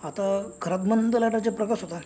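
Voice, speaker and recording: High-voiced man telling a ghost story. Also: fairly even intonation, mellow. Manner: conversational, unhurried storytelling. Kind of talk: first-person horror story narration. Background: background music and crickets.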